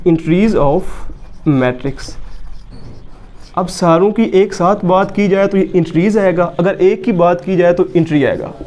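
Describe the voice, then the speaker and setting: A man's voice: sits high, warm tone, a little hiss or hum. A man teaching a whiteboard math lesson, explaining step by step and often asking rhetorical questions to the class.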